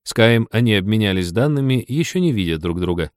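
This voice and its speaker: Low-voiced male audiobook narrator, dry sound. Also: fairly quick, no echo. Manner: even, storytelling read. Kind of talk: scripted narration.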